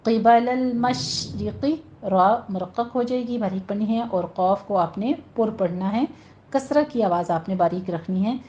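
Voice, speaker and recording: A woman teaching Quran recitation rules in a patient, instructive way, drawing out slow examples. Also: medium pitch, dark tone, slight background noise. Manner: patient, instructive, drawn-out demonstrations. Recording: dull lo-fi audio.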